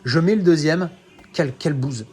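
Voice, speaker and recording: A man's voice: on the high side, normal speed, darkish tone, slightly rough, soft background music. A man in his thirties, from France, talking casually and rambling about his film collection, with many hesitations and self-corrections. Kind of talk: casual unscripted video talk.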